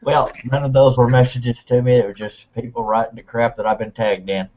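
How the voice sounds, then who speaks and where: A man's voice: mid-range voice, little pitch movement, brisk. A man from Texas co-hosting a live video call show, joking and rambling in casual chat. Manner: joking, rambling, self-mocking. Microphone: video call mic. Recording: muffled video call audio.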